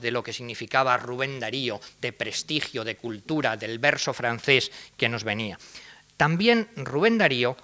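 Man, lecturer, academic talk, bright tone, explains patiently, addresses the audience. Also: medium pitch.

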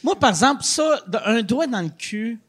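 A Quebec French man in his forties hosts a relaxed podcast conversation. His voice sits high and swings widely in pitch. He talks in a joking, crude, self-mocking way. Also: moderate pace, slightly rough. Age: 40s. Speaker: podcast host. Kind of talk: casual podcast chat.

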